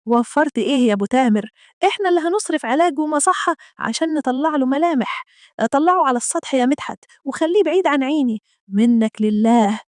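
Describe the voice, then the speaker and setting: A woman's voice: high-pitched, lively intonation, fast talker, darkish tone, dry recording, clean studio sound. A woman voicing a middle-aged Egyptian mother who scolds her husband and patiently explains things to her children, with an Egyptian accent. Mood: exasperated. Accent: Egyptian Arabic.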